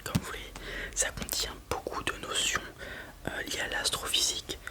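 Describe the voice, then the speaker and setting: Someone in a whispered role-play as a librarian, speaking in a soft library whisper while presenting and reading from books. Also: normal speed. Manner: reads blurbs aloud, then comments informally with hesitations. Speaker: ASMR creator playing a librarian presenting books.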